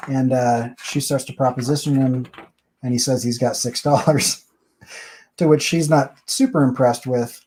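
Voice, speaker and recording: Man hosting an indie comic review, easygoing, rambling, mid-pitched. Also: steady tone, measured pace, a little mellow, slight background noise. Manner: rambling, chatty, summarizing a comic page by page. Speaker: comic book review host. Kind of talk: casual chat.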